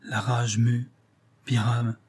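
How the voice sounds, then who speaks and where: A man's voice: medium pitch, flat delivery, slow, darkish tone, slightly rough. A man reading an audiobook and voicing a charming young woman who asks anxious questions.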